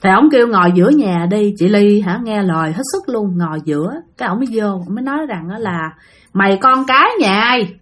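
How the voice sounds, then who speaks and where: A woman's voice: medium pitch, lively intonation, fast talker, few pauses, husky. Chatty Southern Vietnamese woman storyteller. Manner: chatty, addresses listeners directly. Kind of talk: spoken ghost-story narration.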